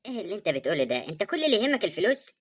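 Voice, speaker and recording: A woman voicing a grieving sister in an animated drama, speaking Egyptian Arabic in a tearful, reproachful way. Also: mid-range voice. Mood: hurt, indignant. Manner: tearful, reproachful, fast talking. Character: grieving woman, hurt and bitter over her dead brother.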